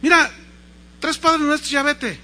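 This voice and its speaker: A man's voice: very high voice, steady tone, bright, forceful tone, pitched above the performer's own voice, full character voice. A man acting out a tired, impatient parish priest who hurries people through confession. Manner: hurried, brusque.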